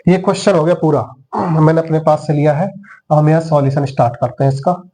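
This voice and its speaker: A man's voice: a little high, fairly even intonation, brisk, warm tone. A man teaching maths who talks students through each step and counts the items aloud. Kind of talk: classroom lesson.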